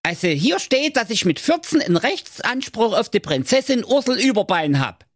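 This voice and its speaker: A man putting on a high, cocky young hero. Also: very animated, moderate pace, dry recording, studio quality. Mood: smug. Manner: brash, jaunty, slangy. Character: cheeky young male hero, cocky and carefree.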